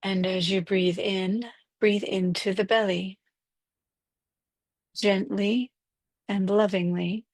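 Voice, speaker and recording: A woman guides a breathwork meditation at a very unhurried pace, leaving space between short, gentle instructions. Her voice sits at a middle pitch, recorded dry and close without room sound. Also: fairly even intonation, no room sound.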